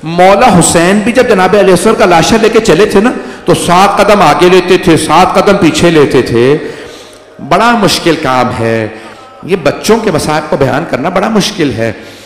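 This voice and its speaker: A man's voice: sits high, lively intonation, moderate pace. A male cleric delivering a mourning sermon, lamenting, with his voice climbing into wailing cries. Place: large gathering hall. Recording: echoey hall with long reverb.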